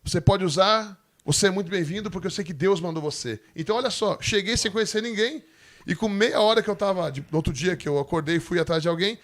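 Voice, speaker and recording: A Brazilian man with a Brazilian Portuguese accent telling a lively missionary testimony, laughing as he tells it and acting out the people in the story. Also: high-pitched, fast. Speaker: missionary guest speaker.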